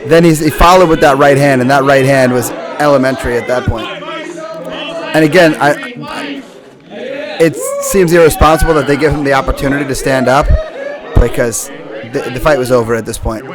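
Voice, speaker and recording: A man's voice: medium pitch, a little fast, music in the background. Joking male fight commentator over crowd noise. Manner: joking, colloquial. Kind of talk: casual fight commentary with a co-host.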